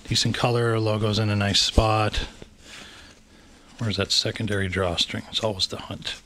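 On a handheld camera aimed down in a room with a wooden floor, a Canadian man gives casual unboxing commentary on camping gear. His voice is fairly low, flat, and sharp in tone at a moderate pace, and he talks hesitantly with lots of fillers.

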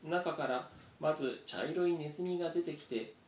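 Man reading a story in an echoey room. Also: normal speed. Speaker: reader. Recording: roomy echo, faint rumble.

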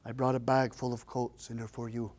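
A man voicing the Creator, a powerful male spirit who calmly gives the birds their orders in a spoken folktale. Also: medium pitch, a little fast, pitched below the performer's own voice, lightly acted. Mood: instructing.

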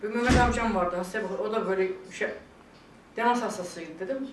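A woman's voice: mid-range voice, fast, distant mic. An older woman in casual, emotional chat who is tearful and laughing by turns and quotes the people around her. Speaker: vlog guest talking about her illness. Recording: echoey room picked up from afar, faint background noise.

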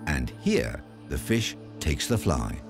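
A man giving calm, explanatory scripted narration for an outdoor documentary. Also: extremely low pitch, slow pace, music in the background.

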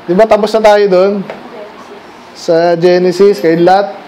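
In an unhurried, mellow, high-pitched voice with fairly even intonation, a Filipino pastor preaches to his church on a Sunday night. The sermon is conversational, full of rhetorical questions aimed at the congregation, and moves between Tagalog and English. Slight background noise is audible.

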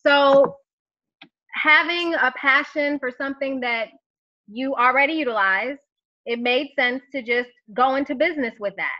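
Upbeat woman host of a live web show, high pitch, muffled video-call sound. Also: a little slow. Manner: bubbly, encouraging, upbeat. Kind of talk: live online interview. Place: home room over a video call. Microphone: webcam on a video call.

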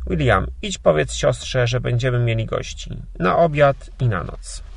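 A man voicing a gruff but kind older emigrant gentleman in a storybook, talking brusquely and grumbling. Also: mid-range voice, expressive, measured pace. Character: gruff, kindly old Polish emigrant gentleman.

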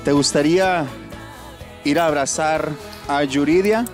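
A man's voice: fairly high pitch, steady tone, unhurried. A man hosting a television talent show, announcing votes and introducing contestants in an upbeat way. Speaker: show host. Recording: loud music and cheering audience behind.

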